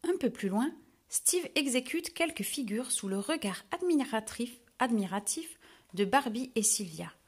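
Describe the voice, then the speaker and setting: A woman narrating a children's storybook in a lively, expressive way. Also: a little high, unhurried, slightly rough.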